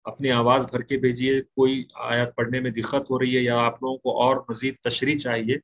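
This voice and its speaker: A man leads an online Quran recitation lesson, speaking into a computer mic on a call. His voice sits at a middle pitch. He talks patiently and slows right down to spell out each recitation rule. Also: level tone, highs cut off. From India. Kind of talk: online tajweed class.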